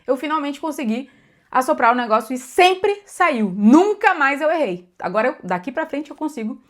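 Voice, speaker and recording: A young adult woman with a Brazilian accent gives a casual pronunciation lesson. Her voice sits a little high, and she talks in a chatty way. She keeps repeating words for emphasis and checking in with her listeners. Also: fairly bright tone. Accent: Brazilian Portuguese. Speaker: English teacher.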